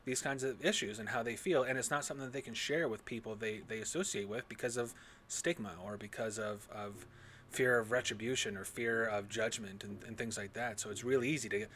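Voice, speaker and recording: A man's voice: fairly low pitch, steady tone, brisk, a bit bright, slight background noise. A man, chatting casually on a podcast with a self-mocking, restart-heavy manner. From Canada. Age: 30s. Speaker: podcast guest. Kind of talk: casual chat.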